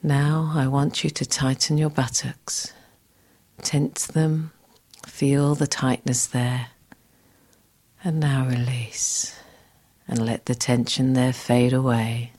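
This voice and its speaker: A woman guiding a scripted relaxation exercise in a soft, soothing, breathy, near-whispered voice. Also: extremely low pitch, level tone, slow. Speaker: relaxation guide.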